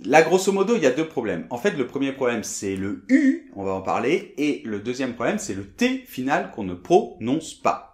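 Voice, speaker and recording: French man demonstrating pronunciation, lively pitch. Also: reverberant. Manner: demonstrates sounds, repeats them slowly, often asks d'accord. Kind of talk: explaining pronunciation to learners.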